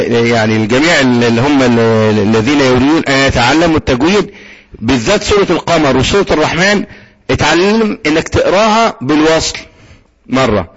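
A man with an Egyptian accent teaching tajweed. He often asks a question and answers it himself, and he recites slowly when he gives an example. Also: medium pitch, a bit bright, husky, muffled recording. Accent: Egyptian Arabic.

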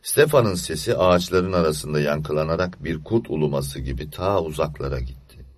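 A man reading an audiobook story aloud in a measured, low-key storytelling manner. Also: animated, husky, no echo. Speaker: narrator.

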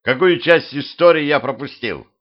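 A man's voice: fairly high pitch, moderate pace, dull audio, pitched above the performer's own voice, natural voice. A man voicing a grumbling, indignant older watchman.

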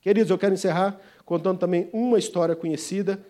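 A middle-aged man, a pastor and missionary, preaching a sermon as an emphatic storyteller, swinging from loud to hushed. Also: high-pitched, steady tone, fast.

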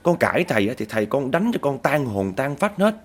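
A man's voice: medium pitch, sing-song, a little fast, pitched above the performer's own voice. A man voicing a cowed female hungry ghost who whimpers and begs. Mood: pleading, tearful. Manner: whimpering, begging tone.

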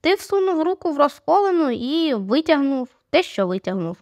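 A woman's voice: high-pitched, very animated, normal speed, a little mellow, no echo. Woman reader doing a sceptical boy who corrects others; dry sound. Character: sceptical young boy, matter-of-fact friend.

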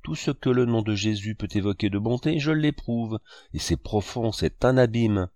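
In an audiobook reading, a man with a fairly low, darkish, expressive voice reads at normal speed with light acting and no echo. He voices a tormented, grandiose man who believes he is Christ, pouring out feverish pleas.

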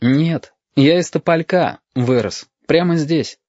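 A man reading an audiobook voices a gentle, weary boy who speaks quietly and briefly. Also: on the high side, takes it slowly, no echo, voice pushed up. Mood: quiet, tired. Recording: dull, dry lo-fi audio.

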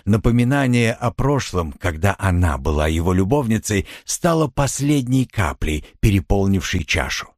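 Expressive male audiobook narrator. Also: fairly low pitch, moderate pace, few pauses, no room sound, clean studio sound. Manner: expressive, dramatic reading.

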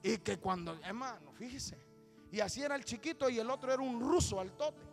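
A male preacher telling a story in a sermon, rising to shouted exhortation and calling his listeners brother. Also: very high voice, expressive, fairly quick, vocal fry, faint music behind. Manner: calls listeners "hermano" constantly. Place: church.

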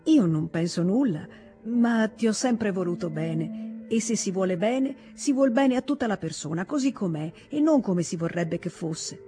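Careworn kindly mother, woman reader putting her on, higher and questioning, warm tone, faint music. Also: expressive, moderate pace, lightly acted. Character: careworn mother, kind, somewhat reserved. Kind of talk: audiobook character voice.

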